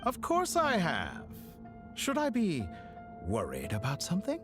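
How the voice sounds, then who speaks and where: An actor playing a suave, smug villain scientist in a video game, with drawn-out, mock-polite theatrical delivery. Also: male voice, sits high, wildly swooping pitch, exaggerated voice. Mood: smug, mock welcoming. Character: suave, smug male villain scientist greeting captured intruders. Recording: loud game music underneath.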